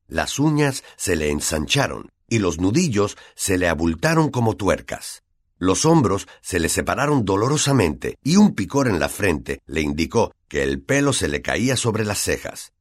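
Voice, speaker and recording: A man with a Latin American accent, reading an audiobook as an expressive storyteller. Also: low-pitched, no echo, clean studio sound. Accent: Latin American Spanish. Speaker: audiobook narrator. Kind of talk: scripted narration.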